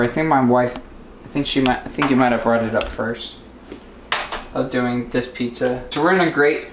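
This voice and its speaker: A man's voice: mid-range voice, roomy sound, a little hiss or hum. A young man vlogging casually from his home kitchen, talking in a rambling, easygoing way full of fillers. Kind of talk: casual vlog chat.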